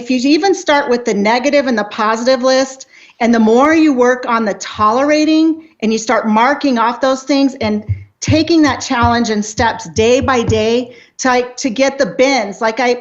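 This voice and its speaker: A woman's voice: fairly high pitch, muffled recording. Earnest motivational woman in her fifties. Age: 50s. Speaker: guest coach. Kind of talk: casual interview chat.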